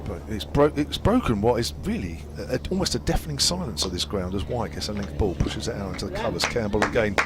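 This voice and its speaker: A man giving ball-by-ball cricket commentary from a commentary box at a quiet ground, calling each delivery in steady detail. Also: fairly low pitch, fast, few pauses. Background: aircraft noise overhead.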